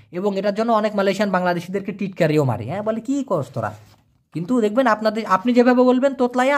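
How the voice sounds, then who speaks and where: A man talks through a casual language lesson. His pitch swings up and down lively as he repeats each phrase slowly, then translates it. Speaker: Malay language teacher.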